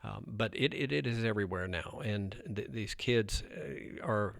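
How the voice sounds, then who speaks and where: A man's voice: fairly low pitch, measured pace, creaky, a bit bright, no room sound, studio quality. A man who works as a narcotics officer gives blunt, emphatic advice in a podcast interview, often restarting his sentences.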